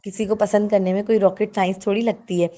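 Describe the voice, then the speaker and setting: A woman's voice: mid-range voice, level tone, mellow, natural voice. Woman reading a loving old grandmother. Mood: affectionate.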